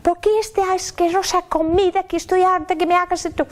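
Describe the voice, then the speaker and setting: A woman voicing a whiny, demanding teenage girl who nags in a rapid, indignant rush. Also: very high voice, fairly even intonation, pitched above the performer's own voice.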